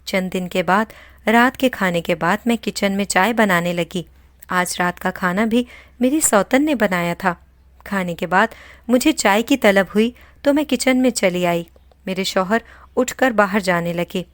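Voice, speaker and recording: A woman's voice: medium pitch, no echo. Woman narrating a dramatic story. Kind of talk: scripted first-person story narration.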